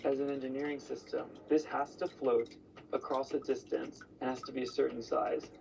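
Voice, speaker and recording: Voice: mid-range voice, level tone, normal speed, creaky, darkish tone, recorded from a distance, poor audio. An upbeat, confident engineer from Los Angeles explains their build. The voice sits a bit back from the mic, with a faint room hum behind it. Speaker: engineer and competitor. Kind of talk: casual competition-show chat.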